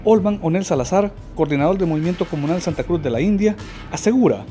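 A man reading a scripted radio news report in a measured, even way. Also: on the high side. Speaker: field reporter.

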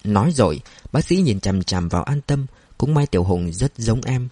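A man reads a first-person story at a steady, measured pace. His voice is dark and husky, and it sounds close and dry with no room around it. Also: on the low side, dry recording. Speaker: narrator.

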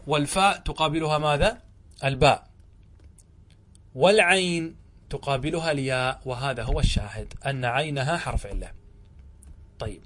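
A man, a sheikh teaching Arabic grammar, lectures to students and explains each point step by step. He asks questions and answers them himself, and he reads the text slowly, drawing out the words. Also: fairly high pitch.

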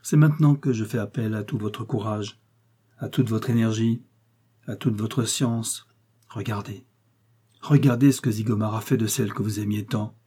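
A grave detective who speaks low and slow, voiced by a male narrator. His voice is mellow and a touch husky, and each phrase is weighed and solemn.

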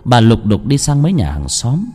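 Expressive male ghost-story narrator. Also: moderate pace, faint music behind. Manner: expressive storytelling with a wide pitch range.

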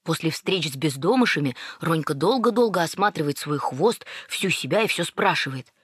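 Woman narrator, lower voice, lively wry storytelling, dry close mic. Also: moderate pace, breathy edge, no echo. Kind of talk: first-person story narration.

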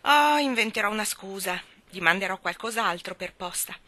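A woman's voice: medium pitch, lively intonation, normal speed, bright, forceful tone, dry recording. A woman reading as a wry young man. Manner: wry, self-mocking. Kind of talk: audiobook character reading.

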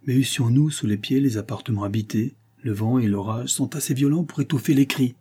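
A man's voice: medium pitch, a little fast, dark tone, slightly rough, lightly acted. A man reading the part of a scheming young male bandit in an audiobook, speaking in a mocking, carefree tone.

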